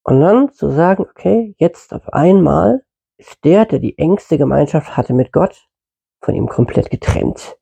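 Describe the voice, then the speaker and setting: A man's voice: a little high, expressive, unhurried, creaky, mellow, slightly rough. A man giving informal Bible teaching in a conversational way, with fillers and mid-sentence self-corrections. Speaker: preacher.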